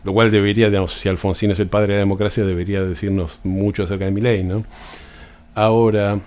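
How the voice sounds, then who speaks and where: A man's voice: fairly low pitch, level tone, fast talker, a little mellow. A man with an Argentine accent, explaining astrology in an unscripted talk, often restarting phrases and adding tag questions. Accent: Argentine Spanish.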